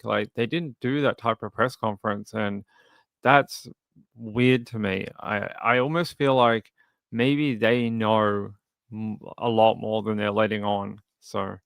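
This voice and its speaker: A man's voice: fairly low pitch, fairly even intonation, measured pace, gravelly, fairly bright tone, clean tone, no echo. An Australian man hosting a casual live commentary stream, talking in a dry, sarcastic and skeptical way as he responds to chat. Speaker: livestream host of a true crime channel.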